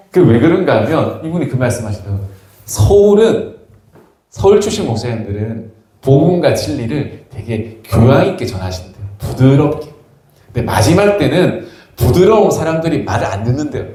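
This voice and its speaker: A man's voice: medium pitch, sing-song, normal speed, dark tone. A male pastor preaching a sermon in a church sanctuary, telling humorous stories and teasing the congregation. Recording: echoey church hall.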